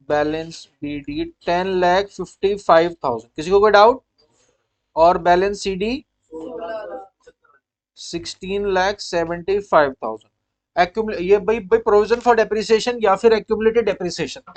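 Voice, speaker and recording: Indian male accounts teacher, high-pitched, lecture delivery with constant check-ins. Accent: Indian English. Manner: quizzing pupils, repeating key points. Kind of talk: classroom-style lecture.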